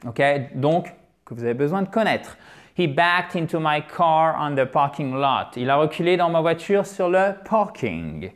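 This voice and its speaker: A man teaching English in French, lively and chatty, repeating example sentences slowly to drill pronunciation. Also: a little high. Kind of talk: French-language English lesson.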